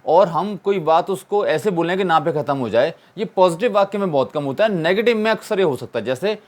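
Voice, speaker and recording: A man's voice: sits high, lively intonation, a little fast. A man teaching an English grammar lesson, asking questions and answering them himself and repeating the key points. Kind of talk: classroom-style explanation.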